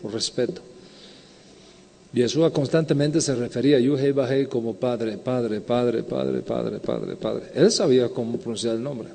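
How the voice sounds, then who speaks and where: A man's voice: mid-range voice, fairly even intonation, unhurried, vocal fry, dark tone. Rabbi guy lecturing at a conference, patient explainer, lots of "ok?", long echo from the hall. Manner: explanatory, often checks in with "ok?". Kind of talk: conference lecture answering questions.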